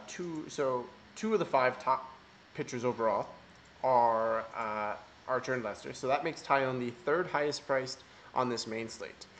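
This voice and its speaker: A man's voice: mid-range voice, fairly bright tone, slight background noise. A man hosting a casual fantasy baseball podcast, jokey and emphatic, swearing casually. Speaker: fantasy baseball analyst host.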